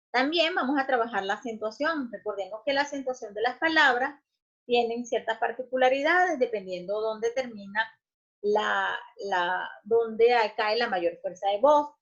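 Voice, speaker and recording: A woman teacher explaining grammar, checking in often with short questions and filling pauses with "este". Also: on the high side, a bit bright. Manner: explanatory, checks in with "¿ok?" and "¿verdad?", frequent restarts and "este" fillers. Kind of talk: recorded grammar lesson. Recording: muffled lo-fi recording.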